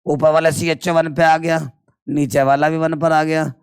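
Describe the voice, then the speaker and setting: Guy teaching chemistry, keeps quizzing the kids and answering himself, clean smooth voice, dry close sound. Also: a little high, little pitch movement, normal speed, no echo. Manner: quizzes students and answers himself, calls them "beta". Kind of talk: classroom lecture.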